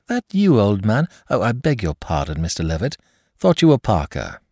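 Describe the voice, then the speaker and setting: A man voicing a polite, well-spoken gentleman detective in an audiobook reading. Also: on the low side, huge pitch swings, moderate pace, dry recording, clean studio sound, voice pushed up, heavily acted. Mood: genial.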